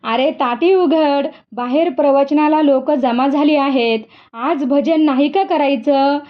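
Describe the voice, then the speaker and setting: A woman voicing a gentle, wise young girl saint who coaxes earnestly, in a dull lo-fi recording. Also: high-pitched, slow. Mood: coaxing. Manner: coaxing, earnest.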